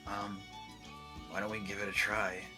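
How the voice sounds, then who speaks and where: Low, quiet, eerie girl. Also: level tone, normal speed, over music. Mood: calm, wistful. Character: quiet, eerie, wistful young racehorse girl. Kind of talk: video game voice acting.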